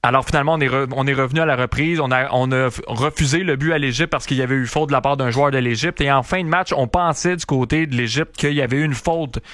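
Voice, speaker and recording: A man's voice: medium pitch, quick pace, few pauses, fairly bright tone, dry recording, clean studio sound. A man with a Québécois accent hosting a sports show, recapping matches in a conversational way.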